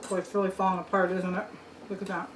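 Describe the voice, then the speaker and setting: A woman chats through her home cooking vlog, telling viewers about each dish as she serves it. The room is echoey, with clear background noise around her. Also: lowish voice, level tone, quick pace, recorded from a distance. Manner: chatty, narrates the food to viewers. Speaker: cooking channel host. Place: home kitchen and dining table.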